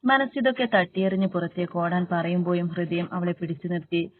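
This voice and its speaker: A woman's voice: lowish voice, fairly even intonation, a little fast, no room sound. A woman narrating a romance story aloud in an emotive way, with small restarts. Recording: dry, tinny phone-like sound.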